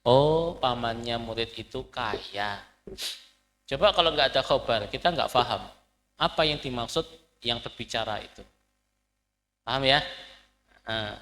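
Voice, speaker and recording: A man's voice: medium pitch, measured pace, long pauses, bright, forceful tone. A man teaching an Arabic class, explaining patiently and quizzing his students. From Indonesia. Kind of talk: classroom lesson. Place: lecture hall. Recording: long hall reverb.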